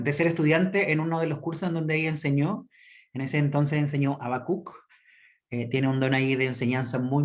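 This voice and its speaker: A man hosts an online Bible class, polite and halting, with frequent fillers. His voice sits slightly high for a man. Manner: polite, hesitant, many fillers. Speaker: class host.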